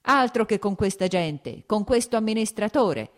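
A woman's voice: on the low side, lively intonation, normal speed, darkish tone, natural voice. A woman reading the part of a short-tempered landowner man who fires off impatient, scolding questions. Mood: angry shouting.

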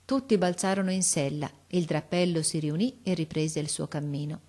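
A woman narrating a storybook in a calm, measured way. Her voice sits on the low side, and her reading is clear and expressive.

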